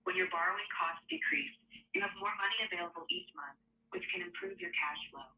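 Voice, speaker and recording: A woman's voice: lowish voice, fast. An AI finance coach with a woman's voice, heard over a speakerphone, answering in a fluent, upbeat, helpful way. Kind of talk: scripted assistant answers. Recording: dull lo-fi phone speaker sound.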